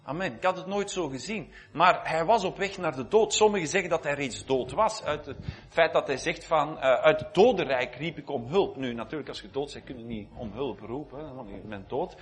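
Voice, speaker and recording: High-voiced preacher clearing his throat. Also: brisk. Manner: conversational, reflective, repeats words, often clears throat. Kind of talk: sermon.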